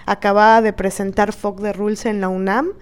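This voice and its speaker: A woman's voice: mid-range voice, little pitch movement, normal speed, clear, resonant tone. A woman with a Mexican accent, hosting a podcast and talking in an earnest, emphatic way, often asking questions of herself and others. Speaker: podcast host. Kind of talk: reflective podcast talk.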